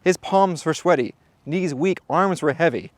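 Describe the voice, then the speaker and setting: A man's voice: fairly high pitch, unhurried, no echo. A man hosting a shooting-range video, talking to the viewer in a playful, joking way. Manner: playful, jokey, talks to the viewer. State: out of breath at times. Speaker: shooting channel host. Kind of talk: casual vlog narration at the range.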